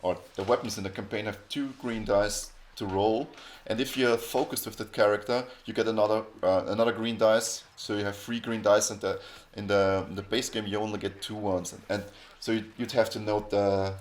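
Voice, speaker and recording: Rambling low-voiced podcast host, man. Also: fairly even intonation, normal speed, few pauses, a little hiss or hum. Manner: rambling, frequent restarts and self-corrections. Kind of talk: casual podcast chat.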